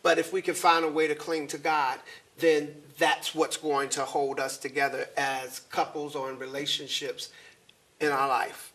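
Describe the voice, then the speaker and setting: A man hosting a faith talk show, animated and encouraging in a preacherly way. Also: fairly high pitch, normal speed. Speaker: host.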